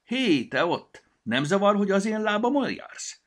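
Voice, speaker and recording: A man with a gravelly, husky voice, voicing a lively, busy male gnome in a children's story, brisk and bossy. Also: lowish voice, heavily acted.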